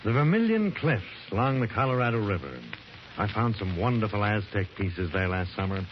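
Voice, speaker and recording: Brief: man as an animated professor-explorer, lecturing and persuasive, on a dull, crackly vintage radio recording. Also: lowish voice, brisk, natural voice. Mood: eager. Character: enthusiastic male archaeology professor, explorer. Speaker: character in a vintage radio drama. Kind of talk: 1940s radio acting.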